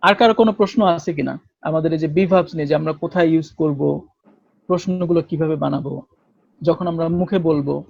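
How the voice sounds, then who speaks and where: A Bangladeshi man teaching a spoken English class, explaining slowly and switching between Bengali and English examples. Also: a little high, vocal fry, darkish tone, no room sound. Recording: dull, dry lo-fi recording.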